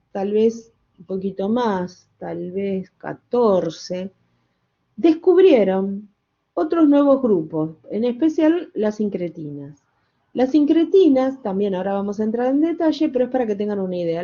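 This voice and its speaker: Slow-talking older woman lecturing, muffled recording. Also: fairly high pitch, mellow. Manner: explains step by step with rhetorical questions and wry asides; self-correcting, checks understanding with "¿sí?" and "¿no?". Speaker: university lecturer. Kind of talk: classroom lecture.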